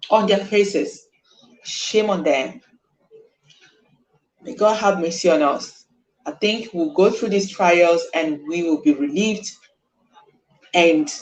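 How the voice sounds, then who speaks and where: Woman host, kinda low voice, earnest and emphatic, repeats herself, roomy echo. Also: a little mellow. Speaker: live stream host. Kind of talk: casual chat.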